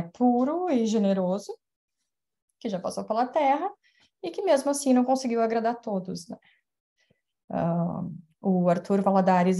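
Mellow-voiced woman giving a spiritual talk. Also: mid-range voice. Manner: thoughtful, explanatory, frequent fillers and tag questions. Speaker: speaker at a spiritist center. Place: home, indoors, over video call. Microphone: webcam mic on video call.

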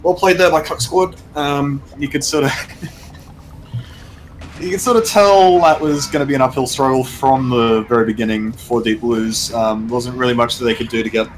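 A man doing play-by-play esports commentary, rambling and excitable, with lots of fillers. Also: medium pitch, moderate pace, slight background noise. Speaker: esports caster. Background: background music.

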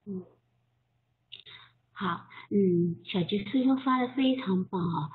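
Slow-spoken woman teacher on a tinny line. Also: mid-range voice. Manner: patient, coaching, models sounds slowly. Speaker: English pronunciation teacher. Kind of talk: online group lesson. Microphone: voice chat.

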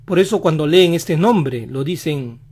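A man teaching pronunciation in a slow instructional style, repeating each example word several times. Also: fairly high pitch, animated, a little mellow. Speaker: language teacher.

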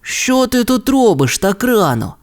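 A sensible little T. rex boy in a storybook tale, as a man puts him on. The voice sits well above a grown man's and moves in lively swings. He speaks firmly and scolds with calm authority. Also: high voice, a little slow, pitched above the performer's own voice, full character voice. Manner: firm, scolding.

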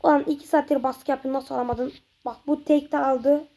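Her voice is high and dark, with fairly even intonation and a brisk pace, as this gameplay streamer narrates her own football video game. When a pass fails she groans, she shouts at her players, and her goal calls go on long.

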